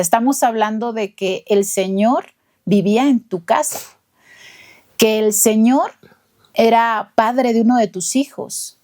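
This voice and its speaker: Slow, measured woman interviewer. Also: fairly high pitch, a little mellow. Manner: measured, deliberate. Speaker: interviewer, lawyer. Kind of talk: empathetic interview commentary.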